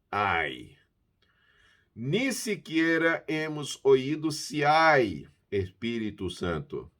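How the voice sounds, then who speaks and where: A man giving a language lesson from Bible verses, repeating words slowly to model how they sound. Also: on the high side. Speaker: language teacher. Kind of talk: Bible-based pronunciation lesson.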